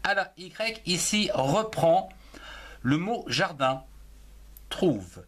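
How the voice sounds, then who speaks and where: A man's voice: high voice, expressive, extremely slow, a bit bright. A man teaching a French grammar lesson for young pupils, spelling words out letter by letter.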